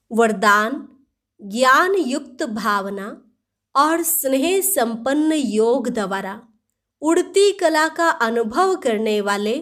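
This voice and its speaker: A woman reading a daily spiritual teaching aloud in a measured devotional recitation, repeating key phrases. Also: a little high, fairly bright tone.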